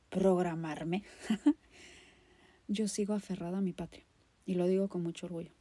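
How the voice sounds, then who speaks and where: This is a woman from Guadalajara, Mexico, hosting a podcast in a Mexican accent. Her voice is on the low side and dark in tone, recorded without echo, as she pours out a poetic, personal monologue with impassioned emphasis and dramatic repetition.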